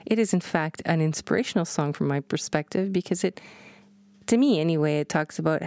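Low-voiced woman hosting a music show. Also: a little mellow, no room sound. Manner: enthusiastic, chatty, corrects herself mid-phrase. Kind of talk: casual presenting between songs.

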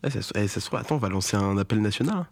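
A man's voice: on the low side, animated, racing. A young man hosting a casual radio segment, rambling with many fillers and joking exasperation. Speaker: radio show host.

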